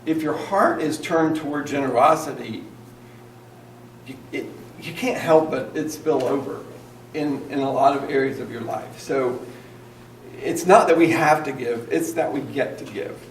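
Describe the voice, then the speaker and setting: A male pastor with a mid-range voice preaches a sermon at a measured pace, earnest and energetic, calling on the congregation to repeat lines. The mic catches him from a distance in an echoey church hall, with a faint hiss underneath.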